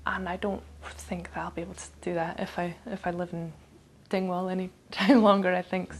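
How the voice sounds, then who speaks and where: Young woman, kinda low voice, casual vox pop answers. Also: flat delivery, a little fast, a little hiss or hum.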